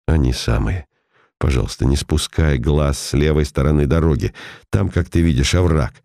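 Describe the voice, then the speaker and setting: A cool, sardonic detective as a man reads him, giving orders in a very deep, gravelly voice. He sounds dark and mellow, never hurried, as if he holds every card. The audiobook recording is dry and close. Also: dry recording. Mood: calm. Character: calm, mocking older male detective. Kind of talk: audiobook character voice.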